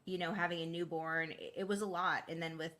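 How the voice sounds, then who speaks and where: Woman guest, lowish voice, open and chatty, casual interview. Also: steady tone, fairly quick, bright, forceful tone. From East Boston, Massachusetts. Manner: candid and chatty, frequent fillers and laughs.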